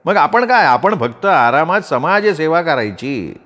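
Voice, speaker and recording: A man's voice: mid-range voice, normal speed, fairly bright tone, lightly acted. A man voicing a witty, mischievous young man with political ambitions, in an audiobook story. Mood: joking. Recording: roomy reverb.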